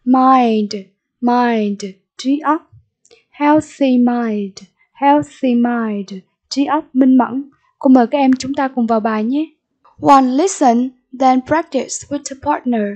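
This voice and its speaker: A woman's voice: high voice, measured pace, darkish tone, muffled recording. A Vietnamese-accented woman teacher in a recorded English vocabulary lesson, repeating each word and giving its meaning and stress.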